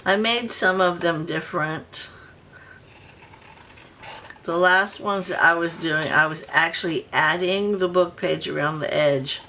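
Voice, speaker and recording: A woman talks at an unhurried pace while she works in her home craft room. Her delivery is rambling and chatty, full of restarts. A faint hiss of background noise sits under the recording. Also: fairly low pitch, pushed and bright, low-quality recording. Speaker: crafting vlogger. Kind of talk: casual crafting chat while working.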